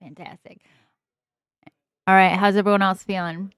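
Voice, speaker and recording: A woman running a tabletop game as game master, narrating in a relaxed, meandering way with many pauses. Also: mid-range voice, smooth, no room sound, clean studio sound.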